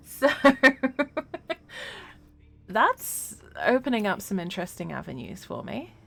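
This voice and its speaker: A woman's voice: medium pitch, big pitch swings, moderate pace, creaky, fairly bright tone. A woman giving casual, chatty gameplay commentary, reacting aloud as she plays. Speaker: gamer hosting a playthrough.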